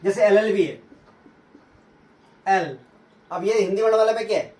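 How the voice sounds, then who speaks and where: High-voiced male teacher in echoey room. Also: fairly even intonation, a little mellow, far from the mic. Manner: asks questions and answers them himself, repeats sounds slowly. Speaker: English teacher. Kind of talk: classroom grammar lesson.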